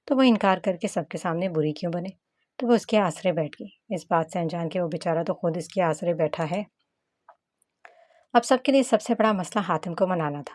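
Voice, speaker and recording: A woman's voice: on the low side, dry recording. A woman narrating a romance novel as an audiobook reader. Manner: steady storytelling.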